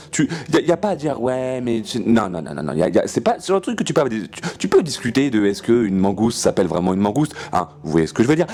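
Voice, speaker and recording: A man giving casual gameplay commentary with a lively voice that leaps up and down in pitch. He rambles in playful rants, swears freely and keeps restarting his sentences. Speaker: gaming channel host.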